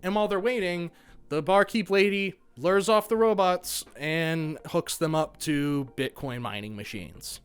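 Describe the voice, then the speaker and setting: A man's voice: on the high side, measured pace, smooth. A young man giving a casual spoken cartoon review, ranting and swearing in exasperation. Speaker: animation reviewer.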